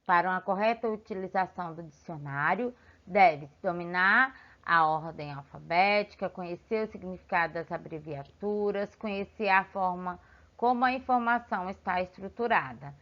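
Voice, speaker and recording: A woman's voice: on the low side, normal speed, lo-fi sound. A woman teacher, patiently explaining a lesson to children and pointing things out as she goes. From Brazil.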